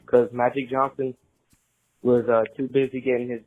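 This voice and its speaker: A man leaving a voicemail with a sports take, speaking haltingly with pauses. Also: mid-range voice, little pitch movement, phone-quality sound, soft background music.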